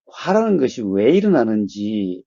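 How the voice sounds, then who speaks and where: A man speaks slowly and steadily as a meditation teacher, answering a caller with patient explanations. His voice is mellow and lively in pitch. The sound is dry and dull, like a muffled call. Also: vocal fry, no echo. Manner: calm, measured, often murmurs short assents. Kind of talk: phone counseling talk.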